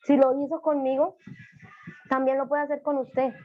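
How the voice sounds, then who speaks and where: Woman, church tutor, high voice, emotional heartfelt testimony, recorded dry on a muffled home mic. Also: level tone, moderate pace. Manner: fervent, emotional, repeats phrases for emphasis. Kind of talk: personal testimony sermon. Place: living room at home.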